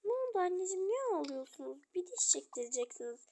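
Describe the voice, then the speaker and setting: Girl voicing a high coaxing cartoonish mother. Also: sing-song, fast, dark tone, full character voice. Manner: coaxing, scolding. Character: fussy caring mother of sulky kids. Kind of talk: toy role-play voicing.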